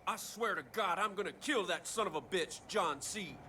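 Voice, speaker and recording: In a video game cutscene, an actor voices a hot-tempered, foul-mouthed bush pilot who erupts into swearing and emotional outbursts, sounding desperate. His voice is high-pitched and expressive at a moderate pace, with a noisy background.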